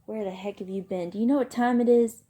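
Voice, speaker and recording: A woman voicing an angry, overbearing young man who shouts and scolds as guardian of his younger brother. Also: high voice, fast, vocal fry. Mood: furious, scolding.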